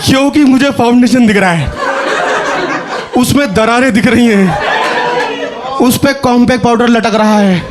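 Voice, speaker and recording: A young man doing stand-up comedy, telling an animated, conversational story with asides to the audience on a stage. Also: extremely high pitch, normal speed, long pauses. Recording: live show with crowd laughing. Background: audience laughter.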